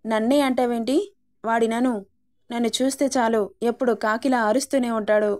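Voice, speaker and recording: A woman's voice: fairly high pitch, fairly even intonation, moderate pace, darkish tone, lightly acted. A woman voicing an irritated young woman who snaps at her friends, in a storybook reading. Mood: fed-up. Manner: irritated, scolding.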